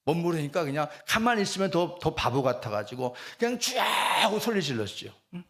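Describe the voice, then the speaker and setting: Animated, lively-pitched male pastor. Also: fairly quick. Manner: animated storytelling with frequent rhetorical "eh?" asides. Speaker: senior pastor. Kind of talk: sermon testimony.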